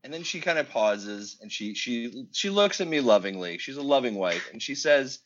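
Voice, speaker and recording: A Canadian man co-hosts a casual podcast, telling a story with lively swings in pitch and acting out each side of a conversation. His voice is bright, and the audio sounds dull and lo-fi. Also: moderate pace. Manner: animated storyteller, acts out dialogue. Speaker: podcast co-host.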